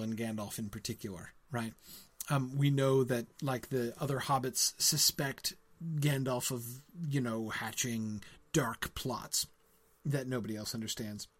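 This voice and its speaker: A man hosting a live book discussion, answering viewers. He talks in a hesitant way, with many ums, and ends his points with "right?". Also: medium pitch. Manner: reads passages aloud between comments. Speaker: host of a book discussion stream.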